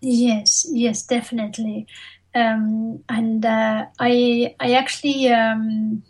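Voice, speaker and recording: Woman, fairly high pitch, hesitant phrasing, reflective interview talk, frequent searching for words. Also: little pitch movement, takes it slowly, darkish tone, poor audio. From Tibetan, living in Europe. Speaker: interview guest, mantra singer.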